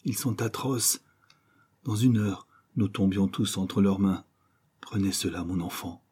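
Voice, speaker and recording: A grave old professor, dying as he speaks, breaks his words into halting fragments, voiced by a man reading the story aloud. The voice is low, dark and husky. It comes across as a solemn storybook reading. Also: heavily acted. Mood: urgent.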